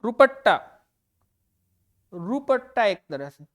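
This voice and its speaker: Teaching an exam-prep grammar lesson, a woman speaks slowly and deliberately, repeating and emphasizing every answer word for her students. Her pitch is medium and her manner very animated.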